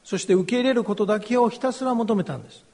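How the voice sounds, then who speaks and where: A middle-aged pastor with a high, husky voice delivers a slow, earnest, confessional testimony. His words ring out with a long hall reverb behind them. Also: darkish tone. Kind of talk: personal testimony sermon.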